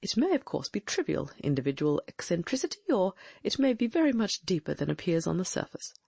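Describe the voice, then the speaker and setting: Sherlock Holmes, voiced by a woman, gravelly and lively. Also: on the low side, fairly quick, no room sound, full character voice. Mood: deducing. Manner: crisp, reasoning aloud, precise diction. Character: brilliant Victorian gentleman detective, male, sharp and confident. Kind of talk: audiobook dramatic reading.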